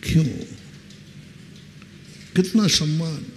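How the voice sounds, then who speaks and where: Slow, higher-pitched male preacher; plays out voices in his anecdotes; reverberant hall, faint background noise. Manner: slow, lively storytelling with acted quotes. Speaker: Jain monk preacher. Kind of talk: sermon. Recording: long reverb, faint ambience.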